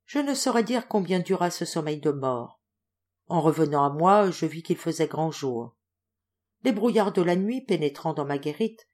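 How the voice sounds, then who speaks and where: A woman reading a literary audiobook aloud with expressive, dramatic narration. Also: deep voice. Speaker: audiobook reader.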